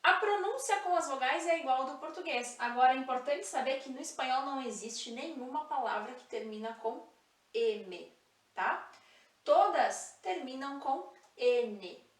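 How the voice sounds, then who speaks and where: High, slow woman teaching in an echoey room. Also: expressive, recorded from a distance. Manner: slow, clear, spells out sounds and repeats example words. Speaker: Spanish teacher. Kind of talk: online language lesson.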